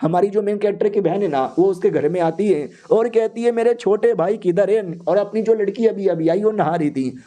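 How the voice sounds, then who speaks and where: A man's voice: high voice, a little fast, hardly any pauses, mellow. A young man casually retelling a manga story, chatty and slangy, voicing every character himself. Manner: chatty and slangy, addressing listeners as "yaar". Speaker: manga explainer narrator.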